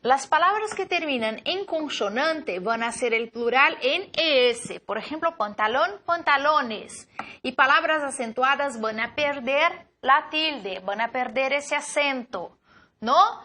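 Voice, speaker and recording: A woman with a high, bright voice teaches a recorded class at an unhurried pace. She pronounces each word slowly and carefully and checks in with her students after almost every point. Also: expressive. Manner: slow, careful model pronunciations of words; checks in with tag questions to students. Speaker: language teacher.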